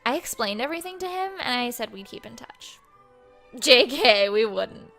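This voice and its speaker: A woman's voice: on the high side, sing-song, normal speed, vocal fry, fairly bright tone, soft background music, heavily acted. A young woman playing a bubbly, slangy female ghost who vlogs her afterlife in a breezy, flippant valley-girl manner for a comedy web series. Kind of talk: comic vlog monologue.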